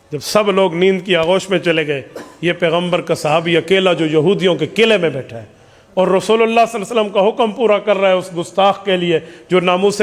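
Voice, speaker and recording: A man's voice: high-pitched, big-room sound. A man preacher telling a story dramatically in an Islamic sermon.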